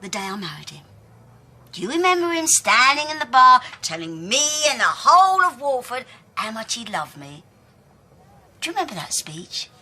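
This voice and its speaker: An actress playing a proud, stubborn older woman, scornful and sharp in a television soap drama. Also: fairly high pitch, big pitch swings, moderate pace, exaggerated voice. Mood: bitter. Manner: sharp and scornful, turning bitter and hushed. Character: proud older female pub landlady, fiery and stubborn.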